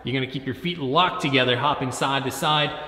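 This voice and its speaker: A man's voice: mid-range voice, fairly quick, sharp tone. A man in his thirties coaching a workout with short, commanding, motivational gym-coach cues, recorded in a large echoey gym. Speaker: fitness coach leading a timed home workout. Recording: echoey, reverberant gym hall.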